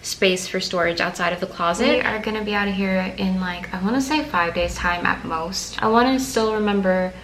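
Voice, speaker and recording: A woman's voice: mid-range voice, fairly quick, long pauses, fairly bright tone, a little hiss or hum. A woman in her twenties from Colombia, talking casually and candidly to camera in a vlog at home. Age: 20s. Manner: chatty and candid, with frequent fillers. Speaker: vlogger. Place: home while packing to move.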